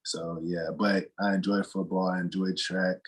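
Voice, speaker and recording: A young man from North Carolina with a deep, husky voice answers interview questions at an easy, meandering pace. He talks casually and often pauses on fillers before circling back to finish his thought. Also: poor audio. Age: young adult. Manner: relaxed, rambling, with many fillers and restarts. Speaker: guest, college basketball player.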